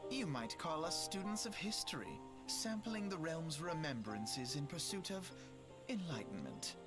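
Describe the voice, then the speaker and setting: Game role: an earnest young scholar, formal and lively in pitch, heavy music behind. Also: male voice, unhurried. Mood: courteous. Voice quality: polite, formal diction. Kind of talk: game cutscene voice acting.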